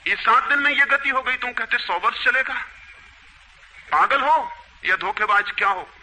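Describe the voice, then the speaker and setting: A man voicing an indignant emperor who scolds a cheating fan seller with sharp, accusing questions. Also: extremely high pitch, normal speed, pitched above the performer's own voice, exaggerated voice, low-quality recording.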